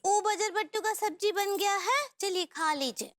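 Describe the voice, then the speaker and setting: A very high-voiced earnest wife. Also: female voice, normal speed, a bit bright, no echo, studio quality.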